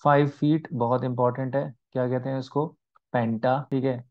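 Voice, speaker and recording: A man's voice: medium pitch, flat delivery, normal speed, darkish tone. A man with an Indian accent teaching an online exam-prep class, mixing Hindi and English and asking and answering his own questions. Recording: slightly dull lo-fi audio.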